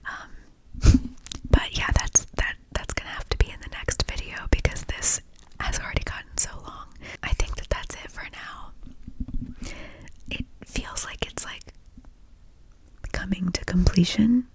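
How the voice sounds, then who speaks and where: A woman speaking in a soft, breathy ASMR whisper, gently confiding in a casual, meandering stream of thought. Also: medium pitch. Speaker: host of an ASMR podcast.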